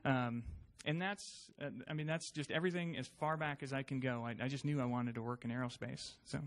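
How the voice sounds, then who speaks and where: A man from Texas who works in aerospace, telling his story on a panel in a relaxed, hesitant way with many ums. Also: medium pitch, fairly quick. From Texas, USA. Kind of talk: panel talk, personal story.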